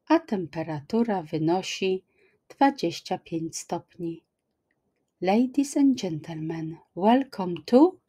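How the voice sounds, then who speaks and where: A middle-aged woman teaching language, repeating each phrase slowly and clearly, at home on a webcam. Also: fairly low pitch, dark tone. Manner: slow, careful, clearly articulated repetition. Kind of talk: extra slow language lesson, repeating phrases.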